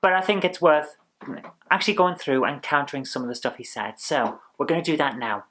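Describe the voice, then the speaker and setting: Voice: medium pitch, expressive, fairly quick, fairly bright tone. An exhausted vlogger, chatting casually and rambling as they search for words. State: exhausted, low on energy. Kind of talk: casual vlog chat.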